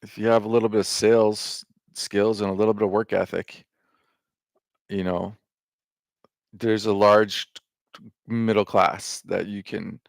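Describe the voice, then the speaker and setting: This is a US vlogger, a man whose fairly low voice is thick with gravel and vocal fry, meandering casually through a monologue. Fillers, false starts and offhand cursing pepper his wandering talk. The recording is close-miked and dry, with no room sound at all.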